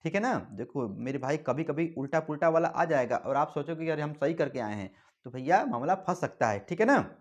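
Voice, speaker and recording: A man teaching a Hindi exam-prep lesson in a colloquial, lively way. He calls his listeners brother, repeats phrases for emphasis and reads example sentences slowly and deliberately. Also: fairly high pitch, muffled recording.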